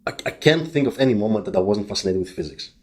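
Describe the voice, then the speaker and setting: A Greek man in his thirties with a Greek accent chats as a podcast guest in a casual interview, speaking haltingly with many fillers and frequent sentence restarts. His voice is fairly low-pitched and animated.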